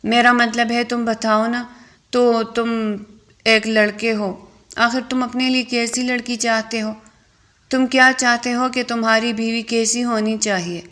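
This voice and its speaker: A woman voicing a tearful young wife, high voice. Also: little pitch movement, a bit bright, lightly acted. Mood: pleading. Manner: sobbing complaints. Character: tearful young wife, wounded and self-pitying.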